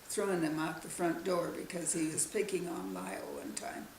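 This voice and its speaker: A woman in her nineties, interviewed as a grandmother, recalling her childhood in a slow, halting way. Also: fairly low pitch, fairly even intonation, creaky, darkish tone, roomy sound, a little hiss or hum, poor audio. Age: 90s. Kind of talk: casual family interview.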